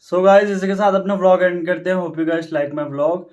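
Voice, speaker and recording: A man's voice: high-pitched, steady tone, moderate pace, a little mellow, lo-fi sound. A man hosting a casual vlog, chatting informally and speaking straight to his viewers. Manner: informal, addresses viewers as "guys". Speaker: vlogger host. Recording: noisy background.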